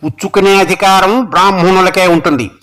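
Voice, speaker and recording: A man's voice: sits high, steady tone, a little fast, a bit bright. A man voicing a proud, grieving king in a storybook reading, speaking with solemn, anguished declaiming. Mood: grave.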